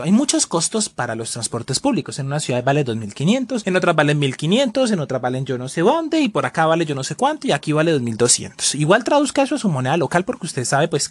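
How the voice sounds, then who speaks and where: Animated Colombian woman ranting. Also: low voice, slightly rough, dry recording. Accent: Colombian, Cali. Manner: animated, complaining, mimics sounds and bus passengers. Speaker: vlogger. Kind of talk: casual comedic rant to camera.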